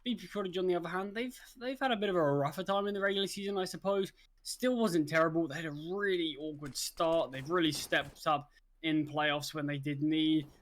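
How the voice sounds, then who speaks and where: A man's voice: a little high, fairly quick. A man giving casual color commentary on an esports match, correcting himself as he goes. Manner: relaxed, casual, self-correcting. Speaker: esports co-caster.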